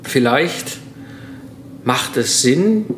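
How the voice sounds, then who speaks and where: A man's voice: medium pitch, animated, drawn-out words, a bit bright, reverberant, slight background noise. A middle-aged man, a podcast guest, explaining his thoughts at length in a reflective way, with fillers and restarts. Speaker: podcast guest, solo entrepreneur. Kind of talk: casual conversational interview.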